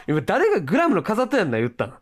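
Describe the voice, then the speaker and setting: A young man with a Kansai accent co-hosting a comedy radio chat, telling animated stories full of acted-out quotes and laughter. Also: high-pitched, quick pace. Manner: animated storytelling, acts out others' lines, laughs often. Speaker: comedian co-host.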